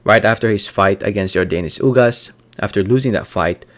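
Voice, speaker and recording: A man's voice: on the low side, a little fast. A young man from the Philippines giving casual vlog commentary, talking hesitantly with many fillers and restarts. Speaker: YouTuber.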